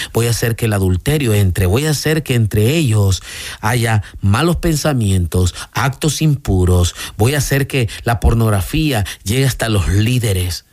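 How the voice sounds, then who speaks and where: A man's voice: lively intonation, a little mellow, dry recording, clean studio sound. A man voicing a scheming male demon of lust who lays out his plans. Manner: slow, low and insistent.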